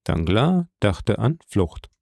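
A man reads a novel aloud as an audiobook narrator, in a measured, dramatic way. His voice is low, dark and gravelly. The recording is close and dry. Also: big pitch swings, no room sound. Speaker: audiobook reader.

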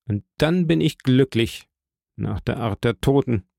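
A man's voice: medium pitch, lively intonation, unhurried, gravelly, a little mellow, no echo. A man playing a stern state prosecutor who argues with dry firmness and feverish rhetoric. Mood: firm. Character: stern, bitter male state prosecutor, fervent.

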